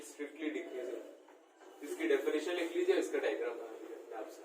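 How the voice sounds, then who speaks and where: A man's voice: medium pitch, fairly quick. A man teaching a math class, constantly quizzing his students and checking they follow. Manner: keeps quizzing students, checks understanding with short questions. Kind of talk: classroom lesson. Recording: echoey room, mic far off, faint background noise.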